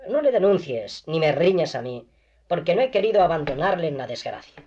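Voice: medium pitch, very animated, fairly quick, a little mellow. A reader voicing a desperate, proud young woman in poverty, pleading and agitated, in an audiobook reading on a dull lo-fi recording.

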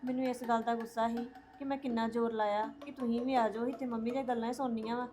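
A woman with a Punjabi accent acting in a family drama, talking quickly and emphatically. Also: on the high side, flat delivery, mellow, faint music behind. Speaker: Sandeep, visiting sister-in-law.

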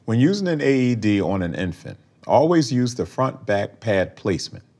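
Lowish man with a lively, explaining voice. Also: slightly rough. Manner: measured, explanatory. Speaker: instructional narrator. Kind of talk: scripted narration.

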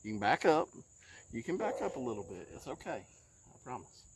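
A man, chatting casually while fishing from an outdoor lake dock, recorded on a handheld phone and often talking low and hushed. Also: very animated, normal speed, a little hiss or hum. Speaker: fishing vlogger. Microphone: handheld phone camera.

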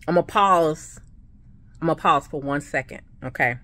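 A woman with a slight lisp, speaking with new veneers in an excited, gushing casual vlog to her viewers. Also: low voice, a little slow. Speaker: vlogger. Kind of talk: casual product review vlog.

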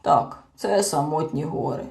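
Woman doing a calm, steady wanderer creature. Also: sits low, measured pace, gravelly, voice pushed down. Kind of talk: audiobook character voice.

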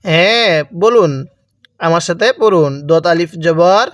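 A man's voice: high voice, unhurried, a bit bright, dry recording, clean studio sound. A man teaching Arabic letter reading in a lesson, with a Bangladeshi Bengali accent, drilling syllables one by one. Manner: drills syllables, repeating each one for the learner. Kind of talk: slow recitation lesson.

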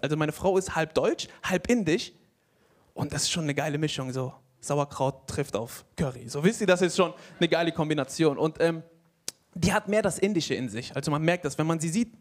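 High-voiced young stand-up comedian man. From Palestine. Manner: animated, laughs at own jokes. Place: comedy stage before a live audience.

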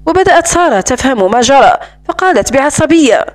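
A woman with a high voice narrates a romance novel for an audiobook. Her reading is steady and even, in a plain storytelling manner. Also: brisk.

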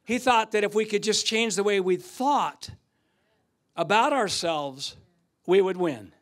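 An older man preaching a sermon in a church, telling stories and swinging from loud outbursts to hushed asides. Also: high-pitched, animated, a little slow. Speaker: guest preacher. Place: church sanctuary.

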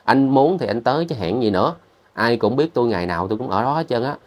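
A man's voice: medium pitch, animated, fast. A man, speaking as a vlogger in a heated rebuttal, defensive and confrontational, repeating his points.

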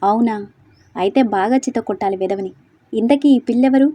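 A woman's voice: fairly high pitch, normal speed, dry recording, muffled recording, lightly acted. A woman voicing a puzzled, newly arrived male lecturer in a storybook reading, asking shocked questions.

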